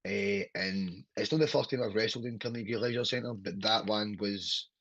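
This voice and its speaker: Guesting on a podcast, a Scottish pro wrestler in his thirties talks in a low, husky voice with a strong Glaswegian accent, at normal speed and with a fairly bright tone. He rambles, swears casually and keeps asking "do you know what I mean". The sound is dull, lo-fi and dry, with no room sound.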